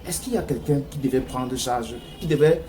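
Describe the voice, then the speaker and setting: This man, a news commentator with a Cameroonian French accent, talks fairly quickly at a medium pitch. His political commentary is emphatic and full of rhetorical questioning, and there's clear background noise.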